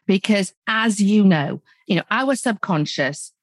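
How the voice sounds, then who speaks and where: A woman speaking as a podcast guest, explaining her views in a steady, self-assured way. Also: mid-range voice, measured pace, no echo. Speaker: podcast guest, money coach. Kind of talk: conversational interview.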